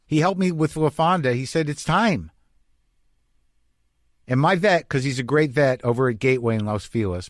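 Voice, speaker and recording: A man's voice: medium pitch, dry recording, studio quality. A middle-aged man hosting a podcast, telling a personal story in a rambling, confessional way. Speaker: podcast host. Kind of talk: casual monologue. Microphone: podcast microphone.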